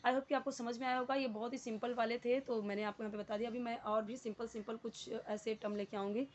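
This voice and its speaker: A woman's voice: on the high side, little pitch movement, quick pace, a little hiss or hum. A woman English teacher, patiently explaining grammar step by step, repeating words and asking the viewer questions. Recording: dull lo-fi sound.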